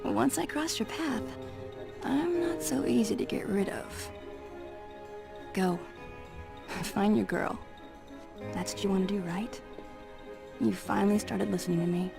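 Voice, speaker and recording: A woman's voice: medium pitch, unhurried, gravelly, long pauses. A woman playing a teasing, sardonic young femme fatale cat burglar in a video game cutscene. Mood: teasing, wistful. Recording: game music behind the voice.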